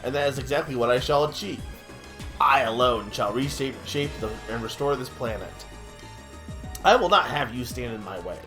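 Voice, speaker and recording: A man's voice: medium pitch, lively intonation, normal speed, over music, close to an everyday voice. A man voicing a pompous, gloating mad scientist villain from a video game, with theatrical threats in a panto villain manner. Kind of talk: acting out video game dialogue.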